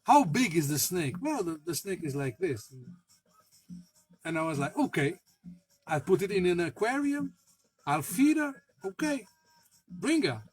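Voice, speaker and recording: A man who is a spiritual worker, telling a personal story in a halting way, with many fillers and restarts, laughing at himself and swearing now and then. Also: high-pitched, big pitch swings, slightly rough, faint music behind, low-quality recording. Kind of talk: casual spoken anecdote.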